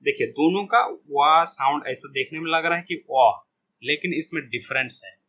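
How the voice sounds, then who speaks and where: A man's voice: a little high, moderate pace, bright, forceful tone, slight background noise, poor audio. A man teaching a beginners' spoken English lesson, repeating each example word again and again.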